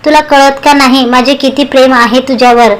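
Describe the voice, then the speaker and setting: A man's voice: very high-pitched, flat delivery, normal speed, a bit bright, poor audio. A woman voicing a young husband who pleads and scolds in a story reading. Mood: pleading. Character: angry young husband, pleading then hot-tempered.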